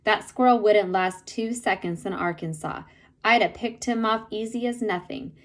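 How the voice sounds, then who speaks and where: A woman's voice: mid-range voice, normal speed, close to an everyday voice. A woman voicing a friendly, talkative country boy from Arkansas with a folksy Southern drawl. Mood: eager.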